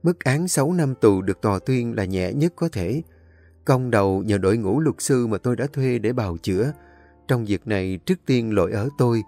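A man reading the lines of a composed wife, calm and soft as she lays out hard facts. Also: medium pitch, soft background music. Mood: cool, explaining. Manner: calm, soft, measured explaining.

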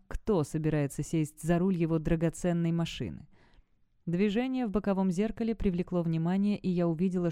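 Low, smooth-voiced woman narrator. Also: warm tone, no room sound, studio quality. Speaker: audiobook narrator. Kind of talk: first-person audiobook narration.

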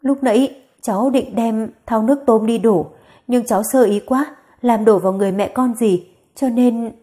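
A woman's voice: a little high, normal speed, warm tone, lightly acted. A woman voicing a scheming young woman in a spoken story, mocking and then feigning tears. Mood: tearful. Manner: mocking, then tearfully meek.

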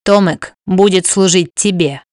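A woman's voice: on the low side, a little slow, darkish tone, no echo, clean studio sound, lightly acted. A woman voicing a stern male chieftain who speaks in curt, clipped commands.

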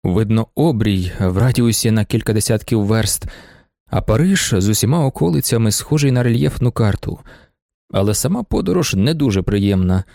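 Man voicing brooding weary merchant, measured, gravelly, dark, audiobook. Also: on the low side, animated, no room sound, clean studio sound.

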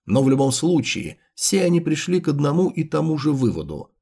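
A man's voice: on the high side, sing-song, a little fast, a little mellow, husky. A man narrating scripted fiction as an audiobook reader.

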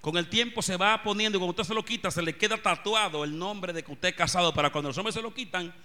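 A man's voice: sits high, quick pace, pushed and bright. A man, a pastor preaching a fervent sermon and calling on the congregation to repeat after him. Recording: music playing behind.

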